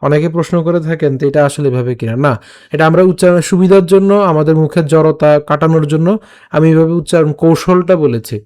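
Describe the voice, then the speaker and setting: A man's voice: on the high side, fairly even intonation, fast, darkish tone, clear, resonant tone. A man with a Bengali accent teaching Sanskrit verse recitation in an online lesson, patiently breaking words into syllables and repeating them.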